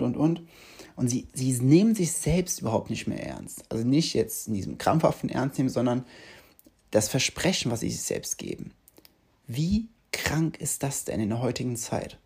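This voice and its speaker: A man coaching listeners on self-confidence in an earnest, emphatic monologue, slowing down to stress key points. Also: mid-range voice, mellow, slightly rough.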